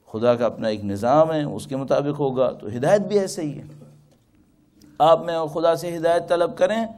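A man's voice: a little high, a little mellow. A man giving a religious talk as a cleric, telling anecdotes with rhetorical questions and acted-out dialogue. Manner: storytelling, rhetorical questions, acts out quoted dialogue.

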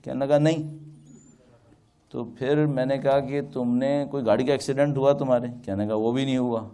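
Male cleric, storytelling sermon voice, mid pitch, relaxed and warm. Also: clear, resonant tone. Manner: storytelling, rhetorical questions, acts out quoted dialogue. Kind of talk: religious talk with anecdotes.

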